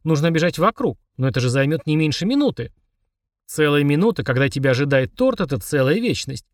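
Male audiobook reader, wry and animated, slightly high voice, close dry studio sound. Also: fairly quick, no echo. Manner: expressive, wry storytelling. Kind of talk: scripted narration of a children's fantasy book.

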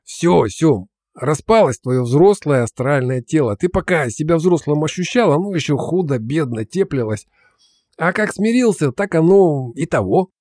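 A man's voice: a little high, lively intonation, moderate pace, a little mellow, dry recording, studio quality. A man doing a coarse, swaggering uncle. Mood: gruff. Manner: gruff, slangy, swaggering. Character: coarse, cocky middle-aged uncle spirit.

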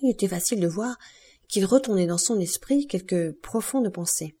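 A woman reading a classic novel aloud as an audiobook narrator, telling it in a measured way. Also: medium pitch, expressive, mellow, husky. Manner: measured storytelling. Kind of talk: scripted narration.

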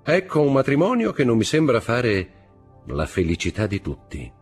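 A man's voice: medium pitch, huge pitch swings, normal speed, slightly rough, soft background music, pitched above the performer's own voice. A man reading aloud voices a sly, scheming male accountant who insinuates and plays innocent.

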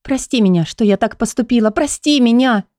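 A woman's voice: a little high, fairly quick, darkish tone, no echo, studio quality, lightly acted. A woman voicing a young heroine desperately in love, pleading in a raised, emotional voice.

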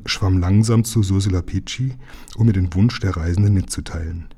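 A man reading a children's book aloud, telling it calmly and evenly. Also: deep voice, slightly rough. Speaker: narrator.

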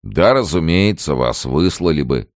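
A man voicing a bitter young refugee medic who speaks in a slow, hissing, deliberate way. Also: extremely low pitch, animated, dry recording, studio quality, voice pushed up. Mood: weary.

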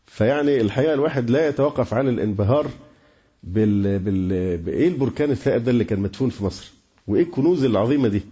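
An Egyptian-accented man delivers a religious lecture at a brisk clip, his voice dark and a little husky. He drifts into casual speech and keeps stalling on repeated syllables while he reaches for words. The recording sounds dull and lo-fi. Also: medium pitch, expressive. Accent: Egyptian Arabic. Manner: colloquial, many repeated hesitations. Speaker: preacher.

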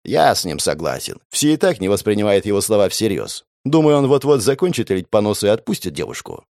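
A man voicing a calm, cautious female spirit of darkness who talks in a level, reasoning way. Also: fairly low pitch, fairly quick, creaky, no echo, clean studio sound. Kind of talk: audiobook character voice.

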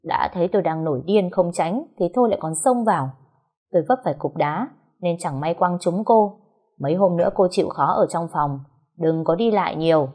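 A woman voicing a brash, hot-tempered young wife who shouts and wails shrilly. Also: lowish voice, a little fast, breathy edge. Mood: mock sweet.

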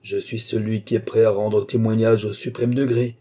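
Brief: fanatical male workman, menacing preacher of doom, dark husky tone, as a male reader puts him on. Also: lowish voice, flat delivery, normal speed, lightly acted. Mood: fervent. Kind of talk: audiobook reading.

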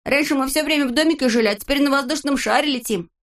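In this storybook reading, a woman doing a boastful little boy shorty who talks in a high, shrill voice. He squeaks out his words fast and eagerly. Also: close to an everyday voice. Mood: offended. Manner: shrill, excited, cries out.

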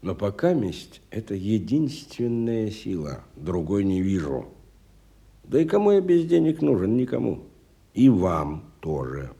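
Here a man gives a full character voice as a wealthy, educated, bitter industrialist in a radio stage drama, lowish, gravelly and sing-song. He takes his time, musing theatrically and swinging between softness and emphasis.

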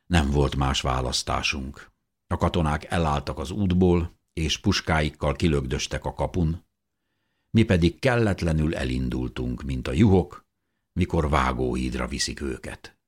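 A man narrating a first-person audiobook in an earnest, measured way. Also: a bass voice, breathy edge.

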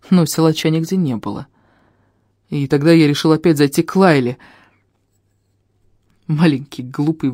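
An audiobook narrator reading a first-person fantasy story with expressive, emotional delivery on a close microphone. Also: mid-range voice, dry recording.

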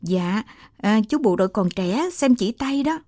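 A woman's voice: medium pitch, lively intonation, a little slow, dark tone, no echo, clean studio sound. A woman voicing a frightened young mother of three who speaks in an anxious, pleading way.

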